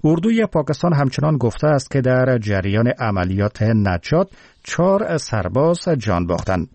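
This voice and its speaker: A man anchoring a radio news bulletin in a measured, formal read. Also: medium pitch, sing-song, a little mellow, no echo. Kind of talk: scripted news reading. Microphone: dry studio mic.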